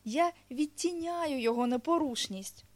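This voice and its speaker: A woman's voice: high voice, lively intonation, moderate pace, pitched above the performer's own voice. A woman voicing a small earnest hedgehog in a storybook, insistently explaining.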